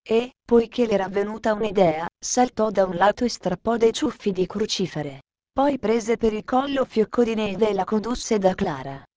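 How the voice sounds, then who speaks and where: A woman's voice: medium pitch, expressive, moderate pace, dark tone, no room sound, dull audio. Woman reading a children's classic aloud. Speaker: narrator.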